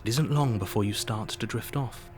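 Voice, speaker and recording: An actor playing the grave, exasperated male narrator of a dark fairy tale game, with measured, theatrical storytelling. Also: close to an everyday voice. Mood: grave, suspenseful. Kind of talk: dramatic second-person storytelling. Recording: loud game music and booming effects behind.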